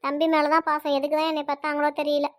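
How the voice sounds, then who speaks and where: A woman voicing a tearful, resigned young adult daughter in a cartoon, speaking in Tirunelveli Tamil with sad, pleading, quick talk. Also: high voice, completely flat delivery, dry recording, lightly acted. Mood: upset. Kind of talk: cartoon dialogue.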